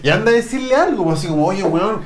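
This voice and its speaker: A man's voice: high voice, expressive, fast, reverberant, slight background noise. A man with a Chilean accent hosting a casual podcast chat, telling rambling stories full of slang. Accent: Chilean Spanish. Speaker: podcast host.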